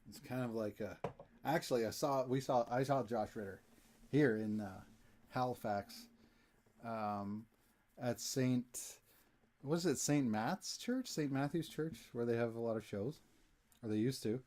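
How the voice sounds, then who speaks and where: A man's voice: mid-range voice, measured pace, darkish tone. A man hosting a music live stream, chatting casually between songs in an easygoing, rambling way with self-deprecating jokes. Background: acoustic guitar.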